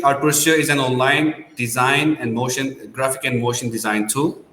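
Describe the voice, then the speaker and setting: Male co-founder, startup pitch, non-native English with restarts, roomy reverberant recording. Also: fairly bright tone, slight background noise. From Turkey. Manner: non-native phrasing, self-correcting restarts. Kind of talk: business pitch.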